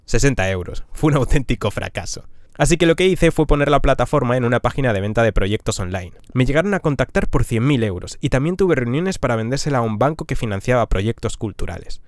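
A man, a travel vlogger telling his own story in a punchy, lively way with rhetorical questions, recorded in a small camper van on a stand mic. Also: medium pitch, quick pace, no room sound, studio quality. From Spain. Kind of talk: storytelling monologue. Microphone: podcast mic on a stand.

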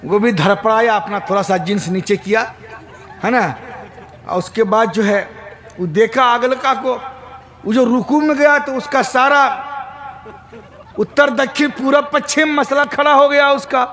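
A male Islamic preacher, giving a humorous sermon at a gathering, quizzing the crowd and bursting into shouts. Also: extremely high pitch, unhurried, pauses often. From Bihar, India.

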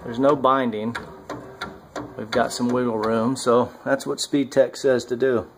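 A man narrating his welding work on a car in a casual workshop vlog, halting with many fillers, on a handheld camera mic. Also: mid-range voice, little pitch movement, background noise. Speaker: home car builder. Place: garage workshop, indoors.

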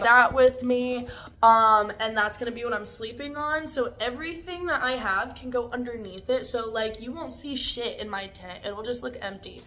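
Young woman, casual vlog, blunt and chatty, slightly high voice, faint background hiss. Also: sharp tone. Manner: blunt and chatty, swears freely. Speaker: vlogger.

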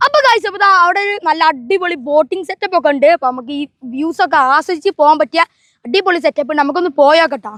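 A woman's voice: high-pitched, animated, very fast, a bit bright, no room sound. A woman travel vlogger chatting casually to viewers in a Malabar Malayalam accent from northern Kerala, mixing English words into her Malayalam. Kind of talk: casual vlog chat to viewers.

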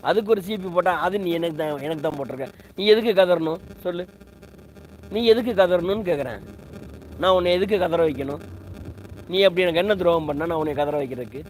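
A man's voice: fairly high pitch, a little fast, long pauses, slight background noise, low-quality recording. Indignant man ranting on a livestream. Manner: indignant, repetitive, rhetorical questions. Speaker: live streamer. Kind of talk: heated livestream rant.

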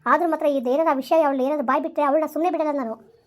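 Anxious high fast-talking woman. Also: steady tone. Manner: anxious, fretful, appealing to viewers. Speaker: channel host and actor. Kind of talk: amateur family drama acting and vlog outro.

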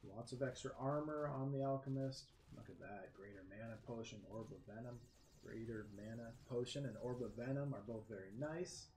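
A man commentating a strategy game match, lively play-by-play that jumps up in excitement. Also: mid-range voice, moderate pace. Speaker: game caster. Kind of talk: esports commentary. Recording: echoey room with faint background noise.

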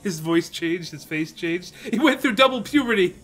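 A man's voice: sits high, animated, normal speed, fairly bright tone. A man co-hosting a game playthrough, jokey and giggly, tossing in silly voices. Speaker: let's play co-host. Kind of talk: casual gameplay commentary.

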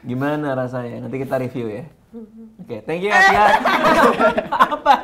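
A man's voice: medium pitch, huge pitch swings, measured pace, heavy background noise. A man in his thirties hosting a vlog, chatting casually in a playful, teasing way and laughing often. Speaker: vlog host.

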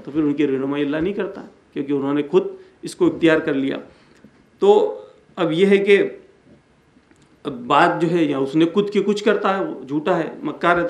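A man delivers a religious lecture in a fairly high voice. He explains patiently, circling back over each point and slowing down to recite Arabic verses. The recording has a roomy echo around him. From India. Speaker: Islamic speaker and founder of an education center. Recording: echoey room.

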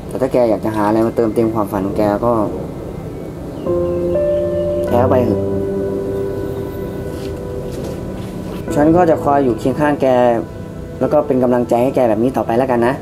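A man's voice: medium pitch, very fast, natural voice. A young man playing a friend who coaches a village girl in singing, giving orders in a bossy, pushy way. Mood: hurt, gentle. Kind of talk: short drama acting. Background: loud music.

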